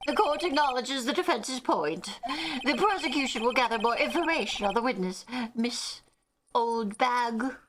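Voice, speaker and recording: A woman's voice: a little high, animated, moderate pace, a bit bright, slight background noise. A woman voicing a formal, ponderous older male judge who makes stately pronouncements.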